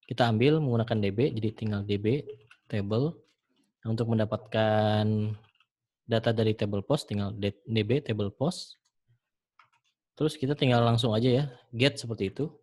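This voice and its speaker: Man, lowish voice, relaxed coding tutorial, walks through each step, clicks in the background. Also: a little fast. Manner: relaxed, talks the viewer through each step, frequent "ya" and "nah". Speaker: programming instructor. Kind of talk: screen-recorded coding tutorial.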